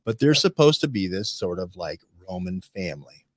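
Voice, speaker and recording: A man hosting a casual studio discussion, rambling and animated, often restarting and checking in with "right?". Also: sits low, moderate pace. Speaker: host.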